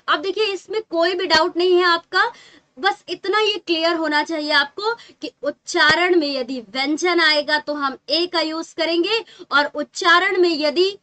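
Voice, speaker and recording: A woman's voice: very high voice, sharp tone. A woman teacher giving a patient English grammar lesson to children, often checking with short tag questions and drawing out key words.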